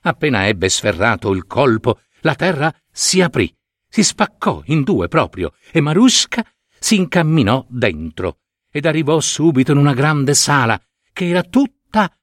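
A man reading a fairy tale aloud with expressive, varied intonation. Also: on the high side, dry recording, clean studio sound. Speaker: storyteller.

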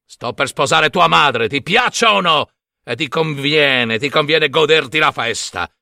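Guy doing a cruel mocking king, lively swings up and down, storybook style. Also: fairly high pitch, a little slow, creaky, dry recording, studio quality, exaggerated voice. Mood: mocking, shouting. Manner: mocking, scornful. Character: arrogant, cruel adult male king.

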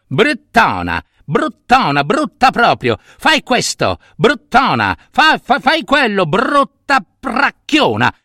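A bratty young fairy-tale prince, as a male storyteller puts him on, in a high, whiny, rude voice. He sounds loud and demanding, repeating himself in a nagging singsong. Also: huge pitch swings, slow, hardly any pauses, no echo, clean studio sound, heavily acted. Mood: scornful.

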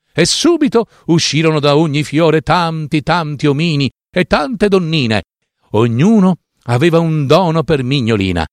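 A man reading a fairy tale aloud with a slow, sing-song, dramatic delivery on a close mic. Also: medium pitch, no echo. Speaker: storyteller.

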